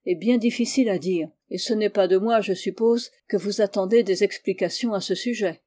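A woman's voice: mid-range voice, normal speed, mellow, natural voice. A woman voicing a nervous, corpulent older man who speaks in a trembling, agitated way. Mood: anxious.

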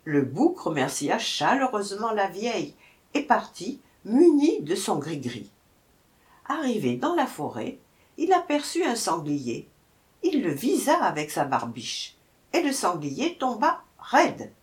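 A woman narrating a folk tale slowly and deliberately, with lively, wide swings of pitch. Her reading is expressive and measured, like a storybook read aloud.

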